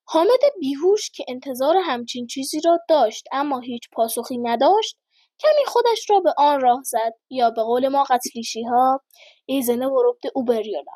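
High-voiced woman reading a funny story. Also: expressive, mellow, no room sound. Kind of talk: reading a humorous first-person story aloud.

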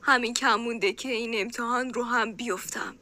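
A woman gives an upset teenage girl in a storybook a high, bright voice. She snaps and sulks under stress, with a sullen edge. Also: steady tone. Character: angry stressed teenage schoolgirl.

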